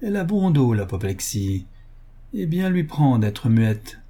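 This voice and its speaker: A man's voice: medium pitch, sing-song, a little slow, dark tone, slightly rough. A man reading the part of an old notary who mutters sardonically, in a storybook reading. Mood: sardonic. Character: old male notary, sly and grumbling.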